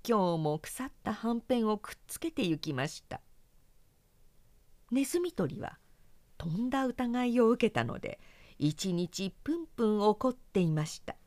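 Expressive woman reading a children's story. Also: mid-range voice, normal speed, dry recording. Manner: expressive, clearly articulated. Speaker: narrator.

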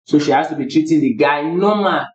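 Higher-voiced Nigerian man, casual chat. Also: fairly quick. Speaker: panelist giving advice. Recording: echoey, dull lo-fi room recording.

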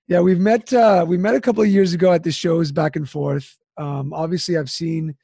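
A man's voice: fairly high pitch, fairly even intonation, normal speed, gravelly, mellow, husky, dry recording. A male podcast host talking in an upbeat, salesy way and often tagging lines with "right?". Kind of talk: casual podcast talk with ad read.

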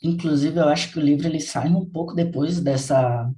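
A man from Bahia, Brazil, hosts a casual podcast conversation in a slightly high, brisk, mellow voice. He speaks earnestly and reflectively, often repeating phrases for emphasis.

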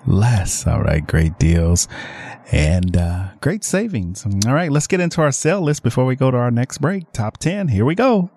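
A man hosting a live AM radio shopping show, delivering repetitive pitchman patter with drawn-out words. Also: big pitch swings, darkish tone, slight background noise. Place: small dry AM radio studio. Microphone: close studio microphone. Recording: music playing behind a dry studio voice.

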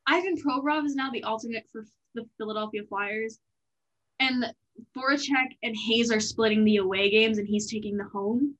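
A woman's voice: fairly high pitch, moderate pace, a bit bright, dull audio. A young woman in a casual hockey chat, opinionated and explaining at length.

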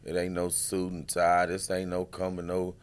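A man who owns a tattoo shop, breaking in with quick, emphatic remarks. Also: low-pitched, monotone, a crowd in the background. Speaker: tattoo shop owner guest. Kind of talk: casual chat.

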